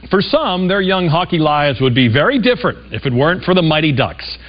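Lively, higher-voiced male sports host. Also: brisk, lo-fi sound. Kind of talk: scripted TV sports presenting.

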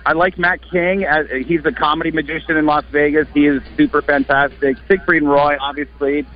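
Earnest magician guest on radio. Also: male voice, a little high, level tone, a little fast. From Wisconsin, United States. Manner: earnest, enthusiastic, often restarting. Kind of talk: radio interview answers. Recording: slightly muffled radio broadcast.

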